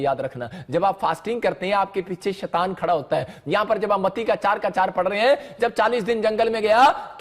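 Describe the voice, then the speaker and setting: High-voiced fervent male preacher. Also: a bit bright. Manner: fervent preaching, keeps repeating "it says". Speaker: pastor. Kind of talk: live sermon.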